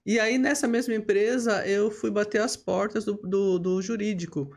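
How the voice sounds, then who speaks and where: A woman, a lawyer telling her career story as a podcast guest, steady and full of tag questions and hesitation fillers. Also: mid-range voice, normal speed, vocal fry. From Brazil. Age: 50s. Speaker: lawyer and bar association leader, podcast guest. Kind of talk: relaxed interview storytelling.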